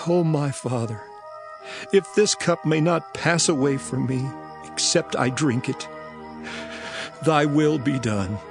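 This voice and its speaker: An actor playing a grave, sorrowful yet authoritative Jesus in deliberate archaic speech for a dramatized scripture recording. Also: male voice, fairly high pitch. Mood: anguished prayer. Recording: music behind the voice.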